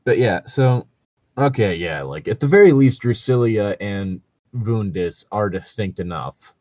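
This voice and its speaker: Unhurried and expressive, a man with a fairly low, slightly mellow voice co-hosts a casual chat about tabletop gaming stories, reading them out and talking them over. He rambles, cracks jokes, and swears now and then, with no room sound on the recording.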